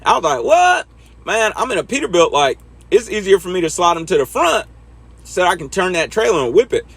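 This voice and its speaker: A man's voice: high-pitched, very animated, quick pace, vocal fry, a bit bright, slightly rough. A man talking casually through a trucking simulator as he teaches backing, laid-back and chatting to himself as he drives. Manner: laid-back, talks to himself while driving. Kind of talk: casual instructional commentary over gameplay.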